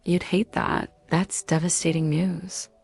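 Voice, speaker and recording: A woman narrating a scripted self-help talk in a calm, measured way, sometimes dropping to breathy near-whispers. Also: on the low side, faint music behind. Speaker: motivational narrator.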